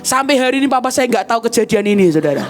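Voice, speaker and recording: A woman pastor preaching a sermon as animated storytelling, often calling her listeners "saudara" and swinging between loud outbursts and quiet, somber stretches. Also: a little high, rapid-fire, faint music behind. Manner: bursts into shouts and laughs, then drops quiet and somber.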